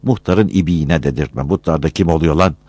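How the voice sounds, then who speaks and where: A man voicing a poor, quick-tempered young villager who answers back scornfully. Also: extremely low pitch, warm tone, no echo. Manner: brash, scornful.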